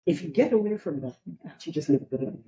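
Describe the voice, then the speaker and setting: A man's voice: a little high, expressive, rapid-fire, muffled recording, a crowd in the background. A middle-aged man from Barbados, a podcast guest talking in a reflective, philosophical way in casual conversation.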